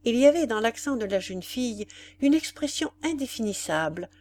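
A woman reading a classic novel aloud in a measured, expressive way. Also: a little high. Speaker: audiobook narrator. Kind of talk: literary audiobook narration.

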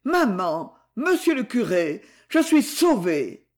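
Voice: medium pitch, sing-song, slow pace. A reader voicing a dying young man in an audiobook, who talks in trembling, breathless pleading. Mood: feverish pleading. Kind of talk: audiobook character reading.

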